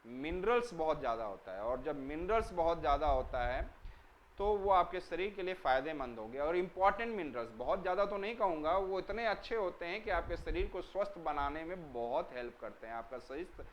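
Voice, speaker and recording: A man gives a lesson to young pupils in a slightly raised voice. He asks the class questions and answers them himself. He spells words out slowly, letter by letter, over a faint background hiss. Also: fairly high pitch, animated, dull audio. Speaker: teacher. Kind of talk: explanatory lesson for children.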